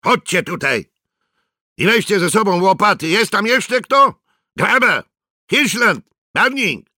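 Mężczyzna czyta, grając zgorzkniałego, pogardliwego sierżanta, który burczy pod nosem i wykrzykuje rozkazy. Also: male voice, sits low, very animated, a little slow, vocal fry, pushed and bright, slightly rough, no echo, clean studio sound, voice pushed up, exaggerated voice. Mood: barking orders. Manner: grumbling, scornful. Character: bitter resentful male sergeant, sneering.

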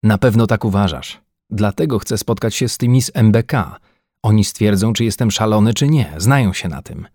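A man's voice: on the low side, normal speed, a little mellow, no room sound, clean studio sound. A man voicing an agitated, frightened Earthman scientist in a science-fiction audiobook, pleading and near-hysterical. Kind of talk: audiobook character voice.

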